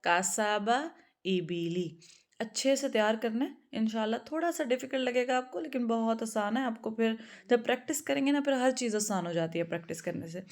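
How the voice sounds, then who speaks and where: A woman teaching a recitation lesson who explains calmly, checks in often with a questioning "okay?", and talks. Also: on the high side. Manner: patient, drills letters slowly and repeats them.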